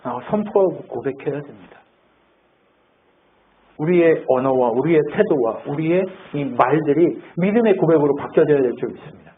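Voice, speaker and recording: A man's voice: on the high side, lively intonation, moderate pace. A man preaching a sermon as pastor, acting out quoted characters and building to fervent exhortation. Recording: tinny phone-like audio.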